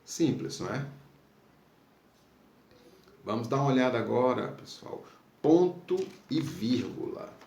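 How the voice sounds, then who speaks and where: A man's voice: mid-range voice, lively intonation, a little slow, creaky, long pauses, a little mellow. A man from Brazil teaching a recorded school lesson, patiently checking in with his pupils. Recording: echoey room, faint background noise.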